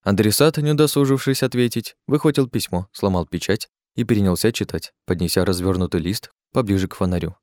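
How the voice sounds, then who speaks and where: A man narrating a fantasy audiobook in an even, measured storytelling manner. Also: lowish voice, no echo.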